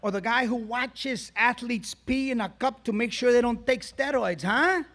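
A man's voice: extremely high pitch, normal speed, voice pushed up, exaggerated voice. A man voicing a boastful, scolding middle-aged immigrant father. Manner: scolding, loud and exasperated.

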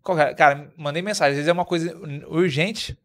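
A man chatting on a podcast who talks very fast in a fairly high voice. He is jokey and quick to jump into the conversation, laughing easily along the way. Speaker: podcast co-host. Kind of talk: casual chat.

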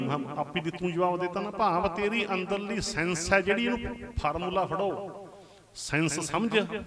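A man preaching a Sikh religious discourse in a fairly high voice. He works through homely examples, repeats his key formula and calls for responses from the congregation. The sound rings in an echoey hall.

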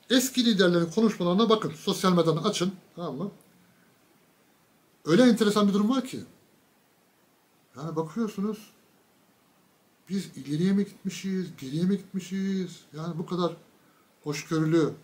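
Guy doing a sarcastic rant to camera, kinda high voice, loud bits then mumbly asides. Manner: mocking, ranting, with sudden loud bursts and low asides. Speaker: political commentator. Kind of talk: casual political monologue to camera.

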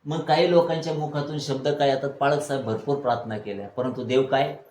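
A male pastor preaching a sermon. He asks the congregation questions, answers them himself, and builds to loud exhortation. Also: mid-range voice, steady tone, fast, slight background noise. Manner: call-and-response preaching, rising to loud exhortation. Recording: echoey room, faint ambience.

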